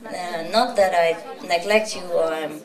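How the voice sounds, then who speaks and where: A woman's voice: on the low side, a little slow. A woman spiritual teacher giving an informal, chatty talk to a gathering, teasing and laughing often. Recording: roomy, from a distance.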